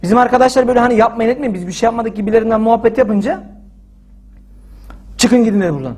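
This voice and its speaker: A man with a husky, high-set voice tells his story at a quick clip. He is animated and indignant, and he leans into every quoted line of dialogue. It is casual spoken storytelling. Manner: animated, acts out quoted dialogue with frequent "dedim"; indignant and emphatic.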